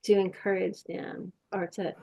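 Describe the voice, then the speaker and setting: Host, woman: gravelly edge, thoughtful, searches for her words, faith talk. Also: mid-range voice, level tone, a little slow, dark tone. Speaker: podcast host. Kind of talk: faith-based conversation.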